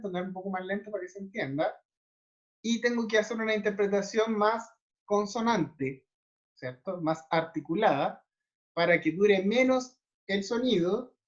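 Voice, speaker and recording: A man's voice: high-pitched, muffled recording. A man teaching a music theory class, explaining step by step and often checking that students follow. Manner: explanatory, checks understanding with frequent tag questions. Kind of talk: online theory class lecture.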